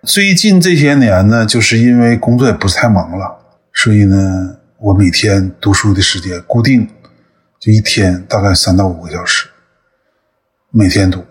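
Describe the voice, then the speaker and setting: A man's voice: on the low side, moderate pace, slightly rough. A man in his fifties from northeast China, a podcast guest talking thoughtfully with frequent hesitations. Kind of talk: conversational interview.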